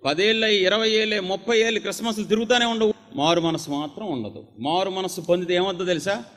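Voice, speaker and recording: A man's voice: high-pitched, fast, fairly bright tone, in a large hall. A man in his forties preaching a sermon as a pastor, impassioned and piling up repeated phrases. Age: 40s. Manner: impassioned, repetitive lists.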